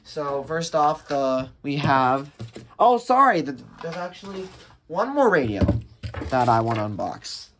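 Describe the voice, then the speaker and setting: A vlogger opens radios on camera, his somewhat high voice swinging widely in pitch as he speaks unhurriedly. The commentary is casual, rambling and hesitant, with many restarted sentences, and handling clicks come through a noisy home recording.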